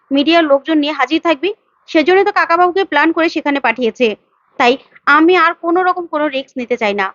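A woman's voice: sits high, a bit bright, dry recording, dull audio. A woman doing a firm, determined young heroine. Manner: firm, insistent.

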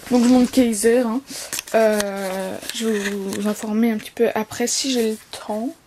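A teenage girl vlogging casually at home, rambling with lots of fillers and restarts, her voice slightly hoarse. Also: on the high side, fairly even intonation, measured pace, noisy background. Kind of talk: casual vlog chat.

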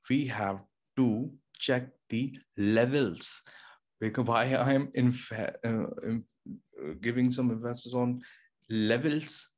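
A young man with an Indian accent, speaking in a slightly mellow, mid-range voice, guides viewers through home recording step by step during a casual screen-share tutorial. He uses many fillers and restarts. Faint room hum comes through his studio mic and audio interface in a small room near an air conditioner and fridge.

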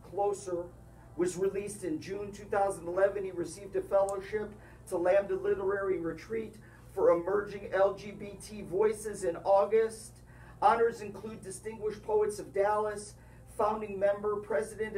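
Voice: mid-range voice, little pitch movement, normal speed, a little mellow, a little hiss or hum. An open mic host reading out a performer's introduction in a bookstore. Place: bookstore room. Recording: echoey room, distant mic.

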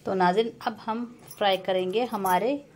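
Vlogging from her home kitchen beside the frying pan, a woman with a medium-pitched voice calmly and casually walks viewers through a recipe, frequently addressing them as "nazreen" in an unhurried, homely way. Her phone camera hangs over the stove showing only her hands, with oil sizzling loudly in the pan.

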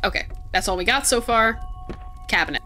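A woman's voice: fairly high pitch, a little fast, sharp tone, soft background music. A woman streaming a video game, reading in-game notes aloud and chatting with her viewers. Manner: reads in-game notes aloud, chats with chat. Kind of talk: let's play commentary.

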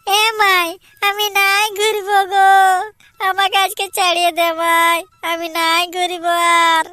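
A performer doing a tiny naive cartoon village boy with a Purulia Bengali accent, whiny and pleading, very high squeaky voice, bright and tense, soft music running behind. he sounds like a timid kid who is always in trouble. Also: animated, brisk, no echo, full character voice. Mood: protesting.

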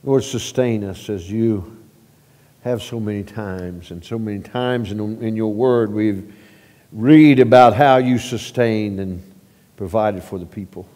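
Guy praying slow at a pulpit mic, mellow voice, long church echo. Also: lowish voice. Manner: halting with repeated words, swelling louder in prayer. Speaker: pastor leading prayer. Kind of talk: spoken church prayer and announcements. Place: church sanctuary. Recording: long reverb of a church sanctuary.

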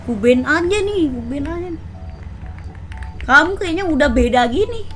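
A woman in a game roleplay, calmly lecturing and scolding a friend. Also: sits high, moderate pace, music in the background. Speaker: roleplay gamer. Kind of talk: in-character game roleplay chat.

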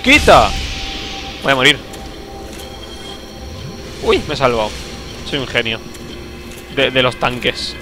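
This young man streams a game and comments casually at medium pitch, his tone steady yet pushed and bright, with a moderate pace and frequent pauses. He jokes, chats, talks to himself, and lets out sudden bursts. Game music is audible behind him.

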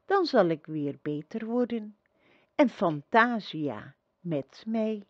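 A gentle young girl empress speaking softly and serenely, as a woman reading a storybook puts her on. Her slow, unhurried lines stay calm and kind. The recording is dry and a little muffled. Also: medium pitch, dry recording. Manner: soft, calm and reassuring.

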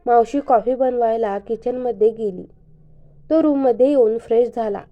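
A woman storyteller reading a scripted romance story aloud in an even, unhurried way. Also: fairly high pitch, highs cut off.

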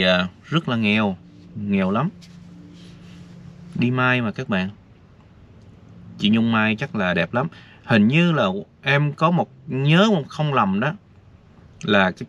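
Filmed outside, a man vlogging chats and rambles as he speaks directly to his audience. His voice is medium-pitched and a bit bright, and the recording sounds dull and lo-fi with faint noise.

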